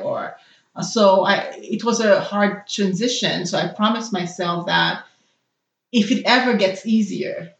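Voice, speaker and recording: A young Haitian woman, a nurse whose first language is Haitian Creole, speaks as a guest in a personal interview, thoughtful and hesitant with many fillers. Her voice is on the low side with vocal fry, and the recording sounds roomy and muffled.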